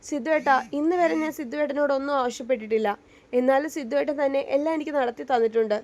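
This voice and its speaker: Woman voicing a gentle young wife, high soft voice, pleading. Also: fast talker, lo-fi sound.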